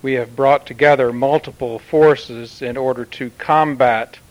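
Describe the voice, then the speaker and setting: A man channeling a solemn male Martian commander who addresses Earth in formal, measured pronouncements with long pauses. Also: medium pitch, steady tone, muffled recording, natural voice. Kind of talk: channeled spiritual message.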